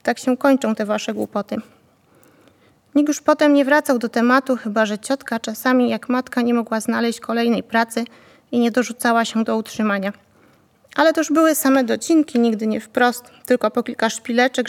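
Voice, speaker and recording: A woman narrating a novel in a calm, steady way. Her voice is fairly high with a gravelly texture. The recording carries a long, lingering reverb. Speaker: audiobook narrator.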